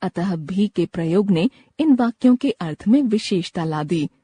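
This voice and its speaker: A woman's voice: lowish voice, lively intonation, measured pace, dark tone, husky, no room sound. A woman reading a grammar lesson aloud, going through word lists one item at a time. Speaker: grammar reader.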